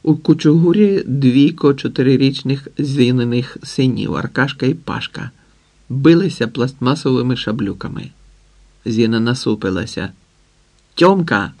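Man reading a novel aloud; measured, mid-pitched narration. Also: a little mellow. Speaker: audiobook narrator.

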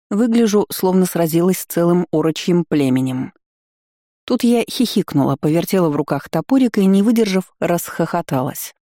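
Expressive first-person audiobook reader, warm tone, close dry booth sound. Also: medium pitch, dry recording. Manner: lively, expressive storytelling. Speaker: audiobook narrator.

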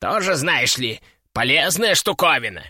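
A man voicing a grumbling, sardonic male talking parrot in an audiobook, a bit lower and slower than his narration. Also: sing-song, pushed and bright, husky, no echo, studio quality, exaggerated voice. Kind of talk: audiobook character voice.

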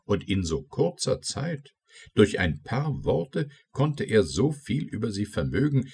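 Man reading a probing young prince for an audiobook, husky low voice with wide pitch swings. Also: sing-song, takes it slowly, a little mellow, full character voice. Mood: earnest.

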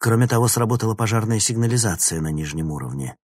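A man's voice: on the low side, expressive, fast talker, breathy edge, no echo, clean studio sound, voice pushed up. A male narrator voicing a matter-of-fact lab scientist giving a report.

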